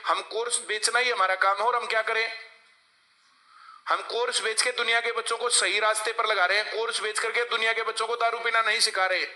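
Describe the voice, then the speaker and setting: Bright-voiced man lecturing a class. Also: high-pitched. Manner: lecturing, asks class for replies. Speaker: coaching teacher.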